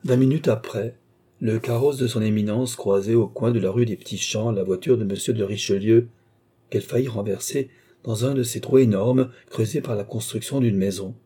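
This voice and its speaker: A man narrating a novel as an audiobook in a measured, even manner. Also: on the low side, breathy edge. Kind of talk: scripted narration.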